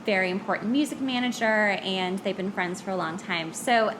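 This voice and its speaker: A podcast host from California, United States, chats casually and playfully with a guest in a Californian accent. Her medium-pitched voice moves at a normal speed, with noticeable background noise on the recording.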